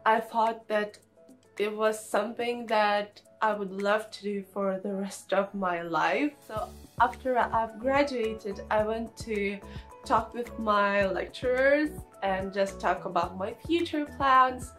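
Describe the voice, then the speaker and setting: A woman's voice: mid-range voice, slow, fairly bright tone, soft background music, rough recording. A young woman from Lithuania with a Lithuanian accent, chatting casually to the camera about her studies, friendly, with many fillers and repeated words. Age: young adult. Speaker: international student. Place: small indoor room, seated on a sofa. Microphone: camera at close framing.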